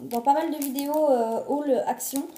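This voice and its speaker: A woman's voice: sits high, fairly even intonation, normal speed, dark tone, reverberant. A woman showing her shopping finds in a casual haul vlog, chatty and hesitant, with many fillers and restarts, filmed on a phone resting on a glass. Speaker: beauty and shopping vlogger. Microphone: phone on a glass on a table.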